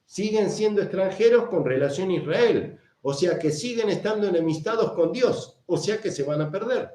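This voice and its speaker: A man with a high-sitting, mellow voice preaches a sermon emphatically, repeating phrases and answering his own questions. It was captured on a camera mic in an echoey room.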